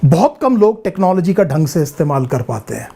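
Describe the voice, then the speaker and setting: Mellow-voiced middle-aged teacher. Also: male voice, fairly high pitch, sing-song, vocal fry, breathy edge. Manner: asks rhetorical questions, repeats phrases for emphasis; drawn-out, deliberate English phrases. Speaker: biology teacher. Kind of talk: Hindi-English exam-prep lecture.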